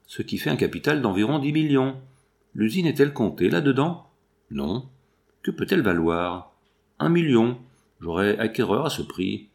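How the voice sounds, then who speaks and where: An indulgent father in his fifties voiced by a man reading aloud. He talks gently and anxiously. The delivery is lively and expressive. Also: mid-range voice, normal speed, vocal fry. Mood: worried.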